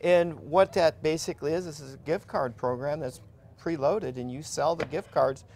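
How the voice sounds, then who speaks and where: A man's voice: on the high side, moderate pace, a little mellow. A middle-aged man, a restaurant guest on a TV cooking segment, talking eagerly with many repeated words and restarts. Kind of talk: casual TV cooking segment chat. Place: TV studio kitchen set.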